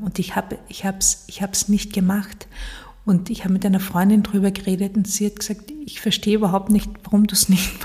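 A woman giving a motivational monologue on personal change, talking straight to the listener in a reflective way with frequent pauses. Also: mid-range voice, dark tone.

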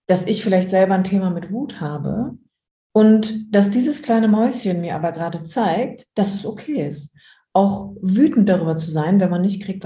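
A woman's voice: medium pitch, mellow, roomy sound. A woman as a podcast interview guest, explaining reflectively with everyday examples and rhetorical questions. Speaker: interview guest, emotions coach.

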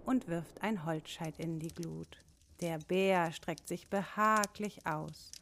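Brief: woman storybook narrator, low and unhurried, rhyming cadence, faint noise behind. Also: a bit bright. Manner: measured, sing-song rhyming delivery. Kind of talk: reading a rhymed children's storybook.

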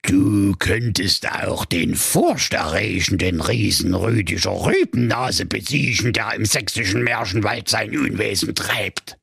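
A man voicing an old witch who speaks slowly and deliberately in a sing-song tone. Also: fairly low pitch, creaky, fairly bright tone, slightly rough, no room sound, clean studio sound, full character voice.

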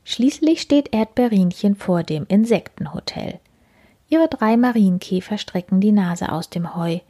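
A woman reading a children's story aloud in a gentle, hushed manner, often dropping into a half-whisper. Her pace is slow and her voice husky and breathy. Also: mid-range voice, lively intonation. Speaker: reader.

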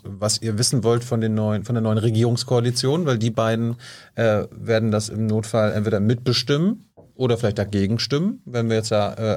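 A man co-hosting a podcast interview, speaking in a brisk, teasing way. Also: fairly low pitch, a little mellow. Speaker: podcast co-host. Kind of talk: casual interview chat.

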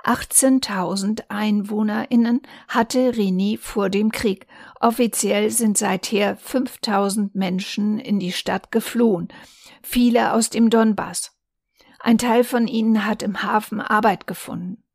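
A woman reads a newspaper reportage aloud at a calm, measured pace. Her voice sits at an ordinary middle pitch. The recording is close and dry, with no room sound. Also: vocal fry, dry recording. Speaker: volunteer reader.

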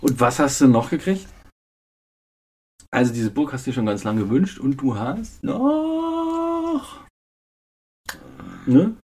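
A woman's voice: rumbling low, big pitch swings, slow, long pauses, mellow, breathy edge. A middle-aged woman hosting a casual family podcast at home, teasing her kids with a joking, stumbling manner. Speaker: podcast host and mother.

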